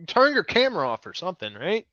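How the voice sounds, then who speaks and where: Blunt, bright-voiced man ranting on a stream. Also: sits high, huge pitch swings, fast, dry recording, highs cut off. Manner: blunt, profane, exasperated. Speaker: live stream commentary host. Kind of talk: casual reaction commentary.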